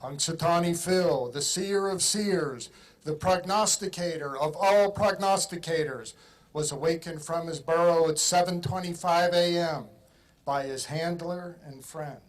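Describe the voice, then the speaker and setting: A man reading out a formal ceremonial proclamation like a town crier, declamatory and measured. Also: fairly high pitch, rough recording. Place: outdoor ceremony.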